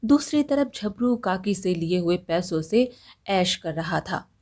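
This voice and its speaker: A woman narrating a moral village tale in a calm, measured way. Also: on the low side. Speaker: storyteller. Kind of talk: storybook narration.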